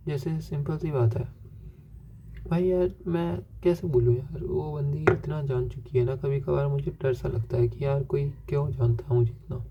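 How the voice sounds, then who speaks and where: A man's voice: fairly high pitch, steady tone, moderate pace, highs cut off, background noise. A young man talking through his feelings in a rambling, self-searching personal monologue, often checking himself with a filler. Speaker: vlogger.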